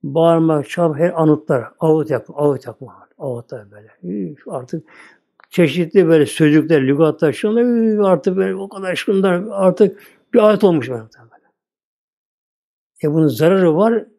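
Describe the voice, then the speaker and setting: A man's voice: on the high side, moderate pace, vocal fry, dark tone. An older man giving a plain, conversational religious sermon, repeating his words often. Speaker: Islamic preacher.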